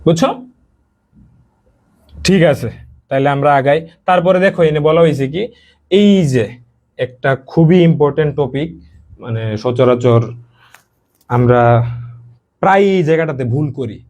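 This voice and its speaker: A man's voice: a little high, darkish tone. A young man, teaching an admission prep class online. He explains step by step, repeats key words and speaks straight to his students.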